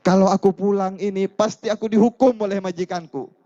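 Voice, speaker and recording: A man's voice: high voice, fairly even intonation, fairly quick, dark tone, dry recording, close to an everyday voice. A tearful, frightened young slave girl pleads, as a male preacher acts her out, her voice lifted and anxious. The sound is dull and lo-fi. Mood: fearful. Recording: dull lo-fi recording.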